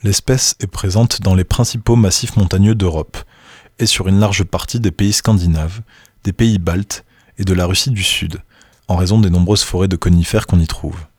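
A man reading scripted nature documentary narration in a measured, informative manner, with a husky voice. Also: low-pitched, a little mellow, no echo, studio quality.

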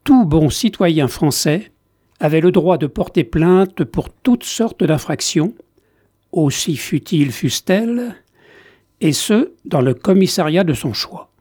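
A man reading a novel excerpt aloud in a measured, deliberate scripted narration. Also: on the high side, expressive, darkish tone, breathy edge, dry recording, clean studio sound. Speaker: reader of book excerpts.

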